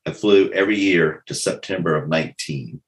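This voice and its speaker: A man in his fifties with a very deep voice talks as a guest in relaxed conversation. He tells animated stories, doubling up words as he finds his way into sentences. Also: brisk. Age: 50s. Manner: animated storytelling, repeats words as he starts. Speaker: guest, self-defense instructor. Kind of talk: casual conversation.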